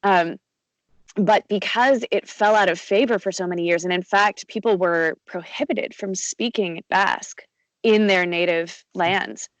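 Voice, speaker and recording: A woman voice actor chats about her craft in a relaxed interview, full of "you know"s, restarts and quick laughs. Her voice sits at an ordinary middle pitch. The sound is dry and close, with no room around it. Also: no echo, poor audio. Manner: chatty, lots of fillers and restarts, laughs easily. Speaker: audiobook narrator and voice actor. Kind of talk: conversational interview.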